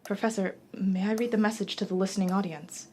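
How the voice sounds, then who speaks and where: Young woman as a formal radio reporter, mid-pitched. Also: steady tone, fast talker, warm tone, close to an everyday voice. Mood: composed, attentive. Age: young adult. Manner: formal, clearly enunciated, scripted. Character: young female radio reporter, poised, curious interviewer. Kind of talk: radio play live reporting.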